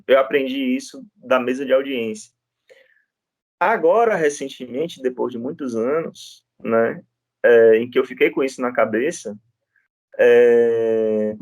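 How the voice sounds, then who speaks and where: A man's voice: medium pitch, no echo. A man lecturing on law, telling stories from his practice with frequent tag questions and restarts. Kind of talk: classroom lecture with anecdotes.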